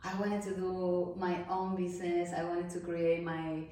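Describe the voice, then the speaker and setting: A woman from Peru talks in English, upbeat and friendly, in a slightly low voice. She is recorded in a very echoey room, some way from the mic, with faint noise behind her. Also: completely flat delivery, a little slow, dark tone, distant mic. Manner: upbeat, friendly, slightly non-native phrasing. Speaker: guest, event planner. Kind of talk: casual interview chat.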